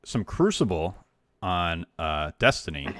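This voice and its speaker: A man co-hosting a gaming podcast, telling stories in a relaxed way with quick bursts when excited. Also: deep voice, no room sound. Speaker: podcast co-host. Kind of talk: casual gaming chat.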